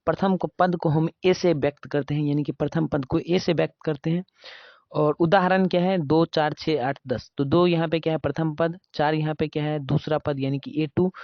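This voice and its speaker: Chatty math teacher, dull dry sound. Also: male voice, on the high side, no echo. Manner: chatty, asks and answers his own questions. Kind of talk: casual classroom lesson.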